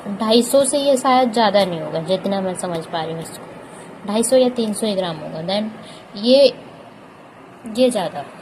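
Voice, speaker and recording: A woman's voice: medium pitch, lively intonation, moderate pace, darkish tone, a little hiss or hum, low-quality recording. A woman who runs a small beauty salon, chatting casually in her vlog and mixing English words into her talk. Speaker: salon owner and vlogger.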